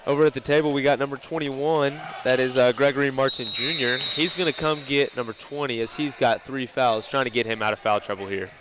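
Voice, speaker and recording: Young male color commentator, rapid chatty delivery, casual analysis, noisy gym ambience behind him. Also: medium pitch, steady tone. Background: gym crowd and bouncing basketballs.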